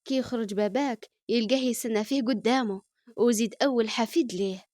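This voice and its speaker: Doting young husband, cheerful and teasing, brisk delivery, read by a woman. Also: fairly high pitch, darkish tone, no echo, clean studio sound, lightly acted.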